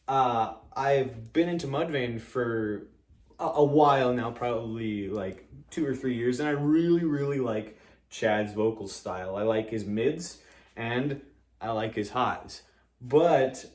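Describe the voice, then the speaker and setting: Casual halting man in an echoey room. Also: mid-range voice, darkish tone. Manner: halting, informal, self-deprecating, searching for words. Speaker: amateur vocalist and drummer giving a tutorial. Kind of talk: casual explanatory vlog chat.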